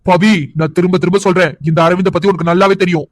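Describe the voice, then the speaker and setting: A man's voice: high-pitched, flat delivery, fast talker, lightly acted. A man voicing a contemptuous young husband in a cartoon drama, delivering scolding tirades. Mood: scornful anger.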